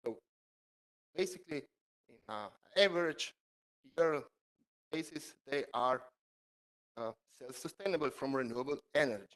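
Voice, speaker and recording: A man, a PhD student, giving an online seminar talk over a video call, halting with many fillers and non-native phrasing. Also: mid-range voice, a bit bright, rough recording.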